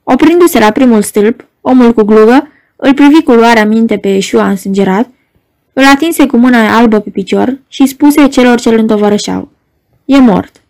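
A woman reads a novel aloud as audiobook narration, her voice sitting a little high. She tells the story in an even, measured way. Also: poor audio.

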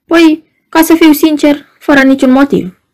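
A man's voice: very high-pitched, steady tone, a little mellow, pitched above the performer's own voice. A woman reading an audiobook, voicing a young male poet who talks bluntly and sheepishly. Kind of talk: audiobook character voice.

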